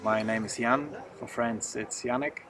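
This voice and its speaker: A man from southern Poland with a Polish accent, a photographer talking haltingly in an interview, often restarting words. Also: mid-range voice, steady tone, over music. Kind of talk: interview talk. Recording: distant mic with clear background noise.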